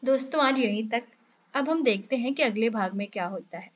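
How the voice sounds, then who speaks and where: A woman narrating a novel as an audiobook in a steady storytelling manner. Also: a little high, fairly quick, no room sound. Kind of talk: novel reading. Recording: dull lo-fi, dry.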